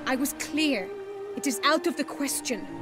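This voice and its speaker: A woman's voice: high-pitched, animated, moderate pace, music in the background. An actress playing a proud, troubled noblewoman with formal, courtly diction in a fantasy game. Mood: resolute. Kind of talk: dramatic fantasy game acting.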